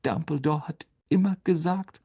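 A reader voicing a stern older female teacher, grave and clipped, slipping into a breathy whisper. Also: mid-range voice, moderate pace, dark tone, pitched above the performer's own voice.

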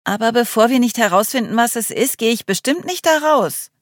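A woman's voice: lowish voice, very animated, takes it slowly, husky, no room sound, studio quality, full character voice. A woman reading the part of a nervous young woman who turns bossy, sounding agitated and demanding. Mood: commanding. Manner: agitated, commanding.

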